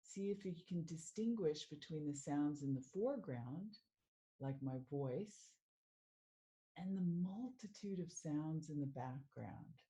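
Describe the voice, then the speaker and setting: A woman working as a mindful living coach, leading a guided meditation in a calm, soothing way. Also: deep voice. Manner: slow, calm, soothing guidance.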